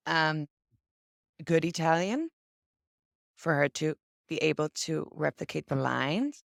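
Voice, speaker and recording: Here a woman guest on a video call gives a casual, chatty tour of a casting database, acting out scenarios such as an example search as she goes. Her voice sits low and sounds creaky. The audio is studio quality, with no room sound.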